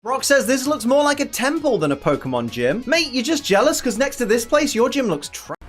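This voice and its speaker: A man's voice: very high voice, big pitch swings, a little fast, faint music behind. Sarcastic man commenting on cartoons. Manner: dry, sarcastic asides. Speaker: commentary host.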